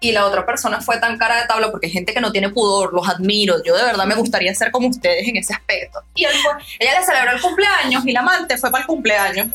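A woman hosting a podcast in a studio, telling a story in an animated way and acting out the people in it. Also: on the high side, fast, few pauses, faint music behind. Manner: animated storyteller, acts out quoted voices. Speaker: podcast host.

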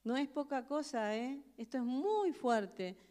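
A woman's voice: high-pitched, expressive, a little slow, warm tone. A woman preacher, giving an earnest sermon full of emphatic rhetorical questions. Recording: long reverb of a large hall.

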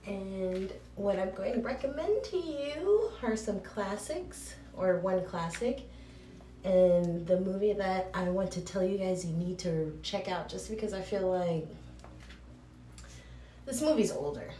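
A woman's voice: medium pitch, a little slow, warm tone, recorded from a distance. A woman vlogging while braiding her hair in a small bathroom, chatting and correcting herself as she recommends movies, with a cave-like echo around her voice. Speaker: vlogger reviewing films. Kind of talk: casual rambling chat. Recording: echoey bathroom with faint hiss.

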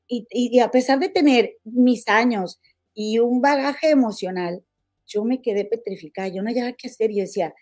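Mexican woman telling a story, warm tone. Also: medium pitch. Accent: Mexican Spanish. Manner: confiding, animated, many fillers and repeats. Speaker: podcast host. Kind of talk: casual storytelling to listeners.

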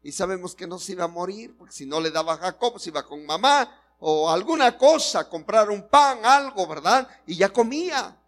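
A man's voice: high-pitched, lively intonation, normal speed, hardly any pauses, a bit bright. A male pastor preaching a sermon, telling a story and acting out the characters' lines while speaking directly to the congregation.

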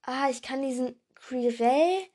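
A woman's voice: sits high, measured pace, warm tone. Female reader as a timid stammering young man, storybook voice. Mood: nervous. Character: nervous stammering young male teacher.

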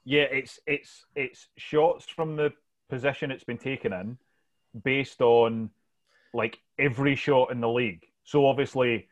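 A man's voice: medium pitch, fairly even intonation, a little slow, dull audio. A man with a Glasgow Scottish accent chatting casually about football, informal and sweary, as a podcast host.

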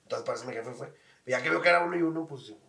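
A man's voice: medium pitch, rapid-fire, vocal fry, pushed and bright, reverberant, recorded from a distance. A man, hosting a casual chat and telling stories in slang, acting out the voices of the people in them. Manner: storytelling, slangy, acts out voices in his anecdotes. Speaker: podcast host.

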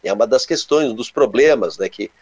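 A man, co-hosting a casual show and telling stories in an animated way with sound-effect words. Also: mid-range voice, brisk, gravelly, breathy edge, dull audio. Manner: animated, onomatopoeic storytelling. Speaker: co-host. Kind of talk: casual storytelling chat.

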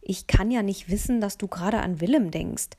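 A woman voicing a cheeky, playful teenage boy in an audiobook, with a slightly creaky voice. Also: medium pitch, normal speed, dark tone, lightly acted. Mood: teasing. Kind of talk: audiobook dialogue.

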